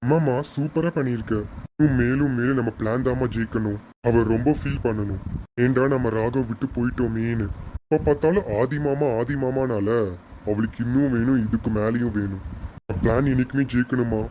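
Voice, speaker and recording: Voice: mid-range voice, a little fast, dull audio, background noise, lightly acted. A performer playing a plotting young adult son who eagerly urges on his mother's scheme in a home-made serial drama. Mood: scheming. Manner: eager, conspiratorial.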